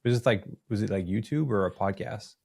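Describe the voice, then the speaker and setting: A man's voice: on the low side, a little fast, gravelly, darkish tone, husky. A man hosting a casual interview podcast as a fitness coach, speaking in an upbeat, affirming way.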